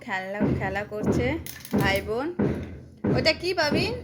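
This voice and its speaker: A woman's voice: mid-range voice, expressive, unhurried, heavy background noise. A woman filming at home, talking playfully and coaxingly to a small child. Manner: coaxing, sing-song talk to a small child. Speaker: vlogger filming her child.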